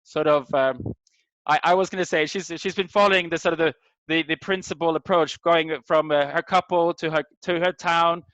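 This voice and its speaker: Welcoming and introducing people on a video call, a middle-aged man from Sweden loosely hosts an online group meeting while searching for his words. His slightly high voice has fairly even intonation and a fairly bright tone at normal speed; the recording is dry, coming through a video call microphone as dull, lo-fi audio.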